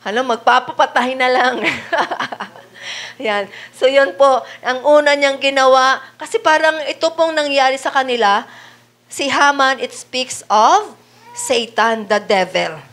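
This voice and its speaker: A woman's voice: high voice, unhurried, a bit bright. A woman preaching a sermon, often asking the congregation rhetorical questions and reading Bible verses aloud in English.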